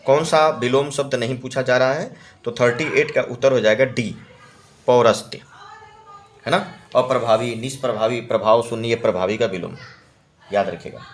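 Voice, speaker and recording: A male teacher talks through a practice test, answer by answer. He repeats each key word and keeps checking his listeners are following. His voice sits at an ordinary middle pitch. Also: slight background noise. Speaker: Hindi exam-prep teacher.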